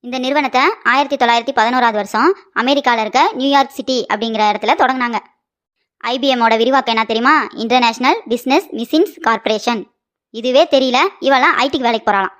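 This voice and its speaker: Woman doing a scolding shrill mother-in-law. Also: a bit bright, close to an everyday voice. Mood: lecturing. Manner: rapid scolding and mocking. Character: scolding sharp-tongued middle-aged mother-in-law. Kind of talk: cartoon comedy voice acting.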